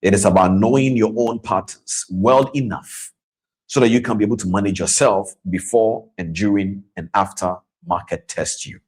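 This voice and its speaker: A man with a lowish, slightly mellow voice speaks at normal speed on a slightly rough recording. As host of a live-stream trading masterclass, he chats along, repeats himself, and calls out viewers by name.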